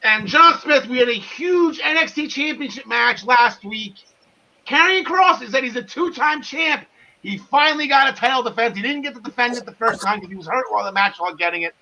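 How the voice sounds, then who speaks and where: A man with a very high, bright voice hosts a casual sports podcast. He rambles along enthusiastically in slangy everyday speech. The audio is dull and lo-fi. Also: animated, a little fast. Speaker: podcast host. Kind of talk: casual wrestling podcast discussion.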